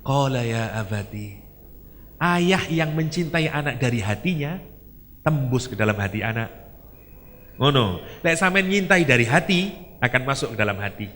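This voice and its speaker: A man with an East Javanese accent preaching a sermon, telling the story in a lively way with Javanese and English asides. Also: medium pitch, normal speed, in a large hall, a little hiss or hum.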